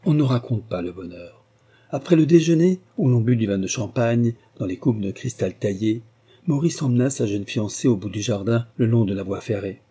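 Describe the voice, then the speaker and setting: A man narrating a classic novel in a measured, literary reading. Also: mid-range voice, warm tone, breathy edge. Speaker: audiobook narrator. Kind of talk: scripted narration.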